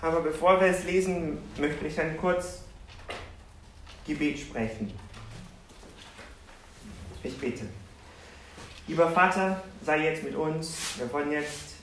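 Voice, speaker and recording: A slightly high male voice delivers a lively sermon of personal anecdotes, self-deprecating and full of questions for the congregation. The church hall echoes, the recording is distant and roomy, and there's a little hiss or hum.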